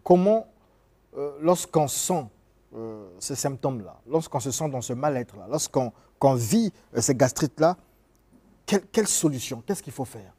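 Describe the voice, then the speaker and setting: A man's voice: medium pitch, expressive, normal speed, dark tone, husky. A man hosting an interview, asking short guiding questions with some hesitation. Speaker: interviewer host.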